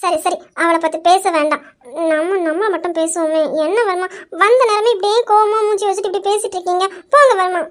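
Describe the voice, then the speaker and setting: A woman's voice: extremely high pitch, steady tone, a little fast. Woman playing a coaxing young wife. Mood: pleading. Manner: pleading, coaxing, teasing. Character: sweet-talking young wife, playful and pleading. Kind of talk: amateur family drama.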